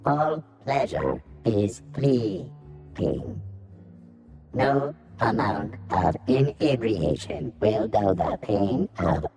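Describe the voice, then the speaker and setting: A man voicing a robot bartender unit that boots up and loads programmed banter, speaking in deadpan, mechanical announcements. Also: fairly low pitch, gravelly, exaggerated voice. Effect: robot voice booting up and loading protocols. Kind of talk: video game voice acting.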